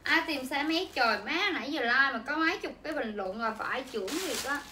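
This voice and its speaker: Young woman hawking clothes on a livestream, high bright voice, echoey room. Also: lively intonation, quick pace. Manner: chatty, repetitive sales patter to viewers. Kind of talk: livestream selling chat. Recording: echoey room with faint ambient noise.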